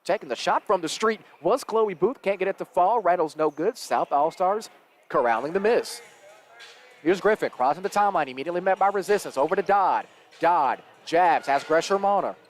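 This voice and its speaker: A man calling live high school basketball play-by-play, quick and energetic as the action rises. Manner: rapid and energetic, rising with the action. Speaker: play-by-play announcer.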